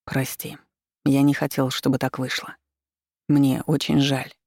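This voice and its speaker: A woman reading an audiobook, voicing a remorseful adult husband who speaks quietly and slowly, avoiding confrontation. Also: rumbling low, flat delivery, vocal fry, no echo, clean studio sound. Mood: apologetic. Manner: quiet, slow and apologetic.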